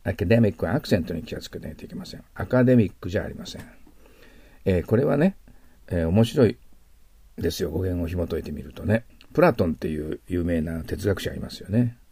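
A man giving a recorded vocabulary lecture, patiently explaining words and repeating them slowly for pronunciation. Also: low voice, animated, mellow, a little hiss or hum. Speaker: English vocabulary teacher.

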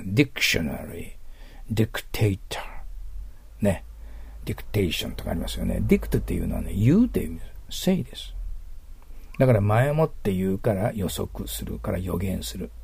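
A man's voice: lowish voice, gravelly, darkish tone, husky, dry recording. A man teaching English vocabulary, breaking words into their roots and asking his listeners rhetorical questions. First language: Japanese. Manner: explains word roots step by step, asks listeners rhetorical questions. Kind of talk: recorded vocabulary lesson.

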